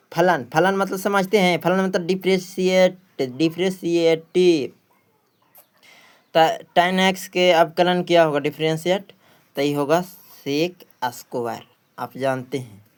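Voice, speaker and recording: This man's voice is fairly high, clear and resonant. He speaks with a Bihari accent while teaching a maths exam practice lesson, working through questions, repeating phrases and answering his own questions.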